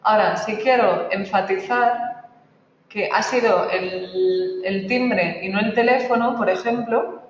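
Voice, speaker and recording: A man's voice: sits high, slow pace, a little hiss or hum. A man teaching an English grammar lesson, explaining step by step and checking in with a frequent "ok?". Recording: echoey, dull, distant lo-fi room recording.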